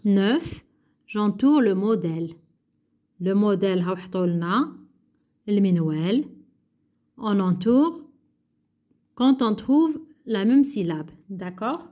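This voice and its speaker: Woman teacher, patient, repeats and translates each word, mid pitch. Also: expressive, dark tone. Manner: slow, patient, repeats words and translates French into Arabic. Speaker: primary school teacher. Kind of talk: workbook lesson.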